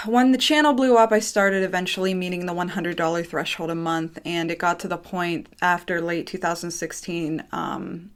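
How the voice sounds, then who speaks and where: A woman's voice: lowish voice, a bit bright. A young American woman talking casually and informally to her viewers, nervous and dry-mouthed, rambling and drifting off topic. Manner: rambling, often breaking off and going off topic; informal, swearing. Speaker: YouTube creator. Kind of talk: casual personal monologue to viewers.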